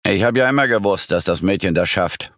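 A man voicing a booming, red-faced, heavyset mechanic in an audiobook. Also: very animated, moderate pace, a bit bright, slightly rough, no echo, clean studio sound, full character voice. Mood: proud.

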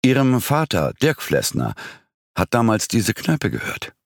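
A man's voice: on the low side, wildly swooping pitch, a little slow, no echo, clean studio sound, voice pushed up, full character voice. A man voicing an eager young police assistant explaining a case in an audiobook.

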